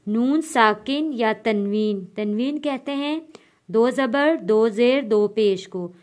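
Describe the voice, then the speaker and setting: Slow, clear high-voiced woman teaching. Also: darkish tone. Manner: spells out letters and vowel marks, then blends them; patient, explains rules in between. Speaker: Quran reading teacher. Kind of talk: slow letter-by-letter lesson.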